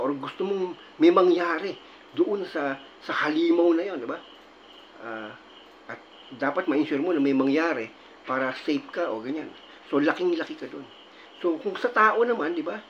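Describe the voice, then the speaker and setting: A man's voice: fairly high pitch, dull audio, slight background noise. A man giving casual advice as a video host, rambling and checking in with tag questions.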